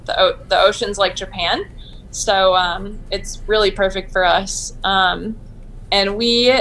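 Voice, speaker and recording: A woman's voice: medium pitch, steady tone, slow pace, fairly bright tone, slight background noise. A woman in her thirties, a sailor being interviewed over a video call from home, talking in an upbeat, chatty way with frequent ums. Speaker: Olympic sailor, guest. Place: home room, indoors.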